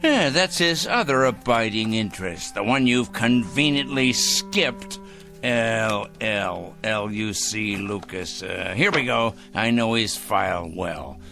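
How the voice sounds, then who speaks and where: On an old 1960s TV drama soundtrack with soft music, a man's gravelly, mid-range voice brings to life a sanctimonious middle-aged crank who fires off letters. The performance is heavily acted, lively and pompous.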